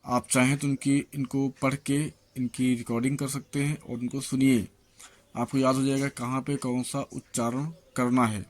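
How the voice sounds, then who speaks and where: A man teaching English pronunciation, slowly reading out example words one by one, then encouraging his viewers to keep practising. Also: mid-range voice, level tone. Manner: slow, listing words one by one.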